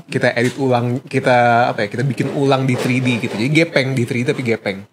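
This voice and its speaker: Relaxed young man explaining, faint noise. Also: medium pitch, fast. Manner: relaxed, explanatory, with many fillers. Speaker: animation creator and voice actor. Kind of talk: casual Q&A chat.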